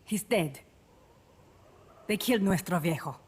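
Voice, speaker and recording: A woman playing a cool-headed young guerrilla who speaks low, quietly and wryly. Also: lively intonation, measured pace, husky.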